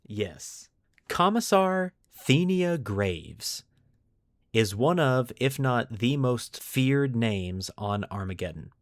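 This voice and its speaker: This time the same podcast host sounds medium-pitched, with lively intonation, taking his time as he alternates between scripted lore and offhand remarks. Key words get dramatic weight, and the studio-quality audio carries no room sound.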